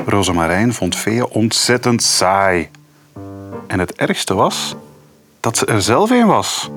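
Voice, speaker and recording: A man reads a children's story aloud to his daughter. His low voice moves animatedly through the lines, with faint music playing behind him. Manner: lively, expressive storytelling. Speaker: radio presenter reading to his daughter.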